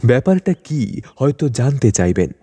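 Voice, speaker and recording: Husky, dark-voiced male storyteller. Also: medium pitch, sing-song, faint music behind. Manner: measured, literary second-person narration. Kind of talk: scripted story narration.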